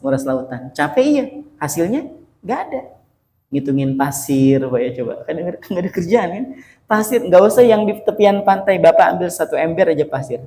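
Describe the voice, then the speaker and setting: A man's voice: a little high, mellow, a little hiss or hum. A male Islamic preacher giving a humorous sermon, telling stories and often turning to address his listeners directly. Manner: joking, storytelling, often addresses listeners as "Pak".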